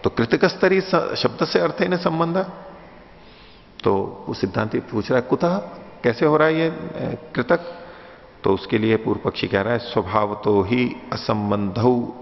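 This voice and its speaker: A man giving a lesson on Vedic philosophy, reciting Sanskrit lines slowly and then explaining them in a conversational, questioning way. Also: medium pitch, animated, creaky. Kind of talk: lecture explaining Sanskrit sutras. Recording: dull lo-fi audio with long reverb.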